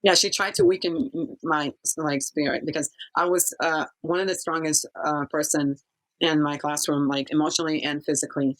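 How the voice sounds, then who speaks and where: A woman from Kazakhstan, a guest in an interview, telling her story haltingly with many pauses and fillers. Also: sits low, animated, poor audio. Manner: halting, searching for words, frequent fillers. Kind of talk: personal testimony in an interview.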